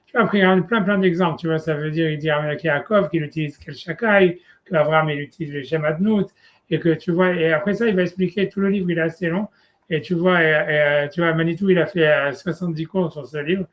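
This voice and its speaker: This informal Torah lesson is given one-on-one by a male rabbi whose voice is on the high side, steady in tone and brisk. His delivery is casual and halting, with many fillers and "tu vois," and Hebrew words mixed into his French.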